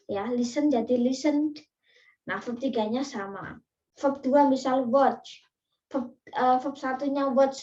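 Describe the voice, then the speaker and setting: Indonesian woman teacher, fairly high voice, chatty step-by-step explaining, heard from a distance. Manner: explains step by step with many fillers and asides. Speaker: English teacher. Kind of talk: online class lecture. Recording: distant, muffled lo-fi recording.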